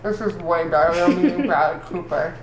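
A young woman vlogging in a playful, joking chat with a friend, with sudden bursts of excitement. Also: fairly low pitch, brisk, a crowd in the background. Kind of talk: casual chat. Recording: echoey room with loud background noise.

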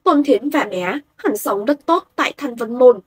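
A woman voicing a gentle, caring aunt in a storybook reading, with a husky voice. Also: a little high, expressive, measured pace.

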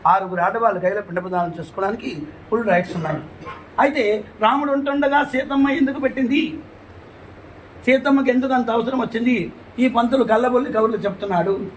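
Male priest, storytelling, lively, rhetorical questions, high voice, faint background noise. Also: poor audio. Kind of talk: storytelling talk.

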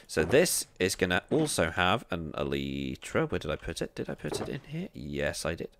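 A man's voice: low voice, big pitch swings, normal speed, gravelly, noisy background. A man hosting a gameplay video, chatting playfully and thinking aloud as he plays. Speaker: let's play host.

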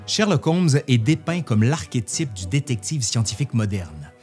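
Male history narrator, animated delivery, faint music under, scripted read. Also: medium pitch, moderate pace. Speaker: history video host.

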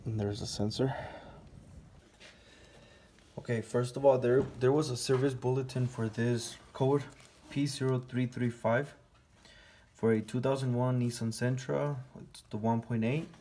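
This man, an auto mechanic, walks through testing a car sensor in his garage, chatting casually as he works through each step. He speaks at medium pitch in a steady, unhurried, dark-toned voice, and there's a slight hiss or hum.

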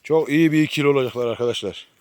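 A man with an average-pitched voice films his dogs outdoors, handheld. He talks casually to his viewers and keeps breaking off to dote on the animals with pet names. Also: rapid-fire, clear, resonant tone, dry recording. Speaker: vlogger filming his dogs on a nature walk. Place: outdoors in nature.

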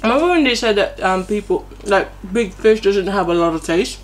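A woman's voice: medium pitch, animated, normal speed. A woman co-hosting a mukbang food vlog at home, talking with her mouth full in casual, hesitant chat full of "um" fillers. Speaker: mukbang co-host.

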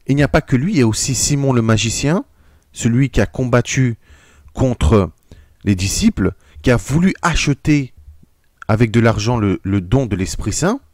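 An indignant male preacher, reading passages aloud and breaking off to exclaim his outrage. His voice sits at an ordinary middle pitch. The recording is dry and close, with no room sound. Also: lively intonation, normal speed, a little mellow, no echo. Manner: indignant, exclamatory, reads quotes aloud and comments. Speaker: religious video preacher. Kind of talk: audio sermon commentary.

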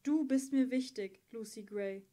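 Ambitious teenage boy, earnest and insistent, read by a woman narrator; mellow voice. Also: a little high, fairly even intonation, normal speed, natural voice. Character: earnest 18-year-old boy, proud and ambitious.

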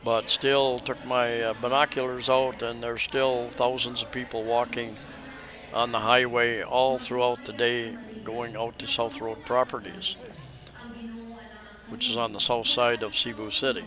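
A man's voice: medium pitch, level tone, unhurried. Rambling man narrating a walking tour. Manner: rambling, many hesitations and restarts. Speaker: travel vlogger. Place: outdoors on a crowded city street during a festival. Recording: loud street crowd around.

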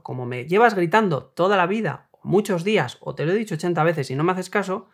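A young man talks through relationship advice in a calm, reasoned way. His voice sits somewhat high for a man. He lays each point out with everyday examples, like a host teaching his viewers. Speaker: self-help video host. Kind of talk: explanatory talk on relationships.

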